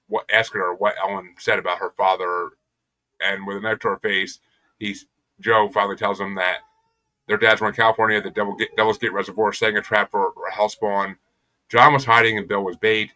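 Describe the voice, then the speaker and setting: A man's voice: on the low side, bright, forceful tone, low-quality recording. A young adult man casually recapping a TV episode as a podcast co-host, tossing in crude jokes. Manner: crude, joking retelling of plot.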